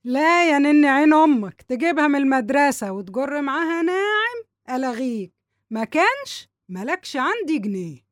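A scheming, high-voiced Egyptian aunt. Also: female voice, very animated, brisk, no room sound, studio quality. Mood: scheming, bossy. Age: middle-aged. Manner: nagging, scolding, colloquial. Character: scheming, greedy, domineering middle-aged aunt and mother. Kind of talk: dramatic dialogue.

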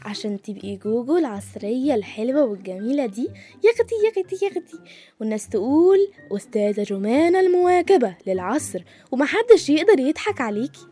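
An actress playing a coaxing young granddaughter with an Egyptian accent in a comedy sketch. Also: female voice, high-pitched, big pitch swings, fast, warm tone, husky, soft background music, exaggerated voice. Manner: coaxing, teasing, patient.

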